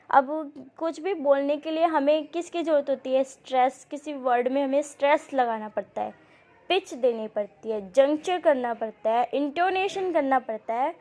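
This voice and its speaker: A woman's voice: high voice, mellow. A woman teaching an exam-prep lesson, explaining terms and often asking the class questions before she answers them. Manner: explains with repeated checks and questions to students; reads English passages slowly and deliberately. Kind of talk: exam-prep coaching lecture.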